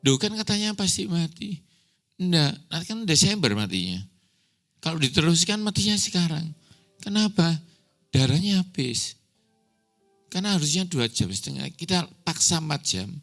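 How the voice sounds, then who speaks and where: A man's voice: a little high, very animated, moderate pace, gravelly, long pauses, a bit bright, soft background music. A man preaching a sermon as pastor, telling a personal story with acted dialogue, close to tears.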